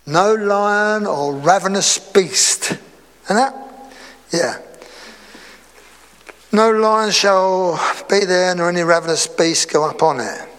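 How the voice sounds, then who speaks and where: A man's voice: high-pitched, slow pace, long pauses, fairly bright tone. A man preaching a sermon to a congregation in a casual, conversational way, with chatty asides and humor. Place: church hall before a congregation. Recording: reverberant hall.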